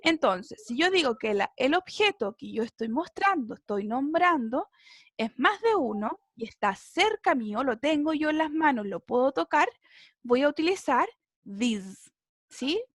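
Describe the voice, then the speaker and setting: A woman's voice: high-pitched, very animated, a little slow, fairly bright tone, no room sound, clean studio sound. A woman, teaching a basic English class online, explaining patiently and checking in often.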